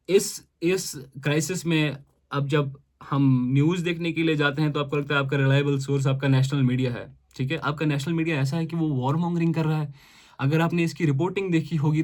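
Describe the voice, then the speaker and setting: A young man with a Kashmiri accent delivers an impassioned monologue straight to camera. His voice sits slightly high for a man, and he fires off rhetorical questions as he moves between Hindi and English. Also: darkish tone. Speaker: vlogger.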